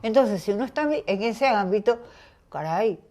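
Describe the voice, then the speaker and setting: An older woman from Venezuela, speaking as an interview guest in a reflective conversation, pausing often to search for her words. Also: medium pitch, animated, a little mellow. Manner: thoughtful, pauses to search for words.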